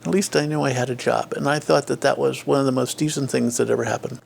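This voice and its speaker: This former state official, an older man giving a reflective interview, recounts career stories at a quick pace in a mid-range voice that is creaky and slightly rough, with fairly even intonation. Fillers and restarts crop up constantly, and he performs any quoted lines.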